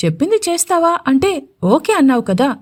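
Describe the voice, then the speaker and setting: A woman's voice: high-pitched, sing-song, moderate pace, pitched above the performer's own voice. A woman voicing a playful, teasing young male CEO who keeps pressing his sweetheart, insistent and mischievous.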